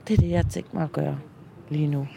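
A woman's voice: low-pitched, steady tone, vocal fry, warm tone, soft background music. A middle-aged woman from Denmark hosting a personal audio diary, hesitant and self-deprecating, with many fillers, recorded on a handheld mic that pops. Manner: slow, reflective voice-over narration. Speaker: podcast host. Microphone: handheld mic that pops on P sounds.

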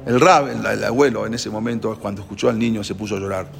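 A man giving a sermon-like religious lecture, speaking emphatically with sudden rises in pitch and loudness, and halting restarts when he searches for words. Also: fairly even intonation, creaky, faint music behind.

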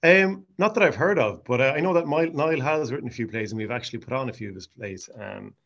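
A man's voice: medium pitch, expressive, fast talker, creaky, a bit bright, dull audio. A man with a west of Ireland accent from Mayo, chatting casually as an interview guest about his hobby. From County Mayo, west of Ireland. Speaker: amateur drama society actor, interview guest.

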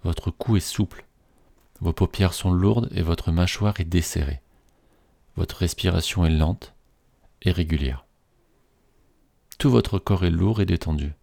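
A man slowly reading a guided relaxation script in a soothing, measured way. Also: low-pitched, creaky, dark tone, dry recording.

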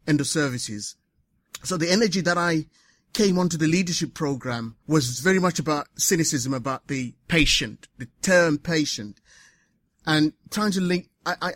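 A man speaking at a conference, short of breath, earnest and reflective, pausing to correct himself. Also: on the high side, a bit bright, no room sound. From Zimbabwe. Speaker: conference speaker, patient advocate. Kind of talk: conference speech. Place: conference hall.

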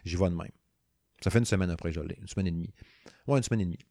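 A young man with a Quebec French accent chats about a game he is reviewing. He rambles excitedly, with lots of slang and restarts. His voice is recorded very dry and close. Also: low-pitched, very fast, vocal fry, no room sound. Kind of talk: casual gaming chat.

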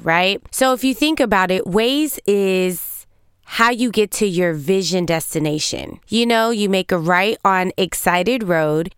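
Woman in her 30s doing a pep-talk podcast, super smooth clean voice, dry close sound, asks lots of questions. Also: lowish voice, no room sound. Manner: coaching, lively, rhetorical questions. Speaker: podcast host and business coach. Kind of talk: motivational solo podcast talk.

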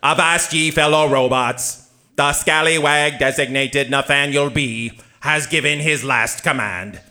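A man's voice: a little high, measured pace, bright, forceful tone. A man playing a swaggering pirate robot. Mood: rousing. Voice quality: gruff pirate talk.

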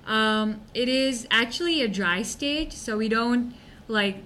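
A woman's voice: fairly high pitch, slow pace, bright, forceful tone, slight background noise. A young woman from India, an international student guest speaking casually with "like" fillers. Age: young adult. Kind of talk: casual chat.

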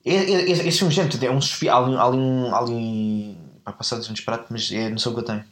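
A man's voice: mid-range voice, fairly even intonation, very fast, echoey room. A man with a European Portuguese accent, telling a story in casual chat, rambling and often correcting himself. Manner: rambling, self-correcting, laughs at own mix-ups.

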